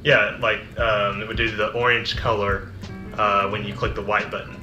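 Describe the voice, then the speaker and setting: Low-voiced man chatting in an echoey room. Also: flat delivery, moderate pace, lo-fi sound. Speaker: product reviewer. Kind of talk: casual product review chat. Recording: roomy echo, music behind. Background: music.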